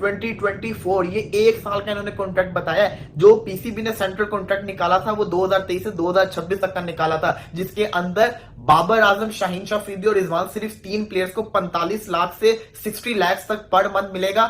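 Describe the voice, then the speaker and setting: A man's voice: high voice, steady tone, a little fast, hardly any pauses, a bit bright, a little hiss or hum. A man hosting a video, chatting casually and explaining step by step. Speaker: video host.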